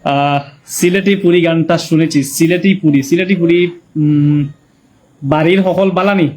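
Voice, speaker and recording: A man's voice: on the high side, steady tone, unhurried, a little mellow. A man with a Sylheti Bengali accent chatting casually on a live stream, reading viewers' comments and greeting them by name.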